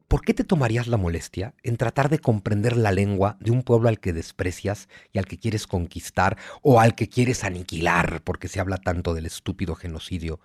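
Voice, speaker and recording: A man's voice: lowish voice, a little mellow, no echo, clean studio sound. A man in his forties with a Mexico City accent, speaking as an interview guest, emphatic and lecturing, stacking lists and rhetorical questions. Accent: Mexico City Spanish. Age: 40s. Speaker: guest writer. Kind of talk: conversational interview.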